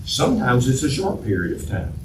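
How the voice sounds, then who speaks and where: A man's voice: medium pitch, big pitch swings, brisk. Guy teaching bible class, sounds far from the mic, roomy echo, lots of restarts. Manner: conversational, repeats words and restarts, asks the class questions. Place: church classroom. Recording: echoey room from far off, faint noise.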